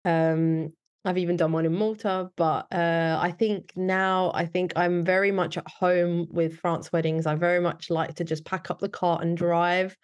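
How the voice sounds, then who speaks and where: A British wedding photographer, interviewed as a guest, chats casually and informally, often saying "like" and "you know." Her voice is on the low side, smooth, flat, and unhurried.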